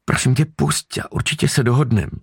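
A man's voice: mid-range voice, creaky, slightly rough, no echo, studio quality, pitched above the performer's own voice. A man voicing a terrified young woman who pleads desperately with her captor in an audiobook. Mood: pleading. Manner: desperate, wheedling, breathless pleading. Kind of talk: audiobook character voice.

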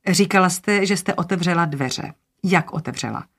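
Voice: medium pitch, creaky, fairly bright tone. A narrator voicing a businesslike woman lawyer investigating a death, giving polite orders. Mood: patient. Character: brisk woman investigator, lawyer, matter-of-fact.

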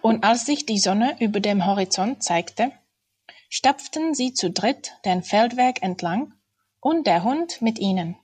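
A woman reads a children's fairy-tale novel aloud at an unhurried pace. Her delivery is deliberate and steady, in a storytelling manner. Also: mid-range voice, breathy edge. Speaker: reader. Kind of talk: audiobook-style reading of a children's novel.

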